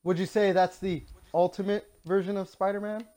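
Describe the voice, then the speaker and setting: Young man, podcast co-host, fairly high voice, excitable, gushing, joking. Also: moderate pace. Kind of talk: casual chat.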